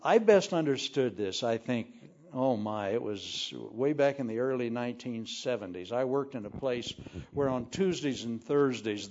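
An older man preaching a sermon full of humorous, self-deprecating stories, folksy and animated. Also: medium pitch. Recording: muffled lo-fi recording.

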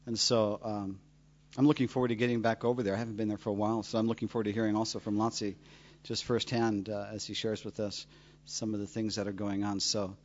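A man pastor introducing the next speaker in a relaxed, rambling way. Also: fairly low pitch, quick pace. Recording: dull lo-fi sound.

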